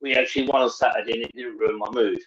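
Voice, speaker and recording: A man's voice: medium pitch, steady tone, fast, a bit bright. A man calling in to a casual football chat, talking with a sore mouth that has stitches after dental work. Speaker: fan caller. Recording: dull lo-fi call audio.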